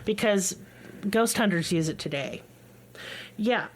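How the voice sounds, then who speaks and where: Blunt, excitable woman podcast host. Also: mid-range voice, measured pace. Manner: blunt, excitable storytelling with swearing. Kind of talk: casual chat.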